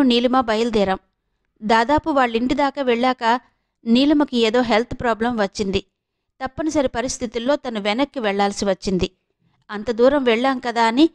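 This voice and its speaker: A woman voicing a defiant young woman who speaks sharply and with force, high-pitched. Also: lightly acted. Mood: bitter.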